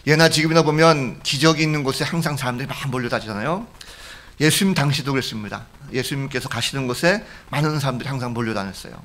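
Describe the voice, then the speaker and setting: Korean pastor telling stories in a sermon. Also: male voice, medium pitch, fast, fairly bright tone. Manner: storytelling with jokes, acting out quoted voices. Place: church sanctuary.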